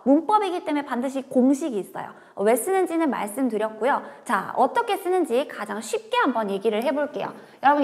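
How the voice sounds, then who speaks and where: A woman with a high-sitting voice, heard in a large hall, gives a grammar lecture, addressing her students directly and shifting from casual talk into polite speech.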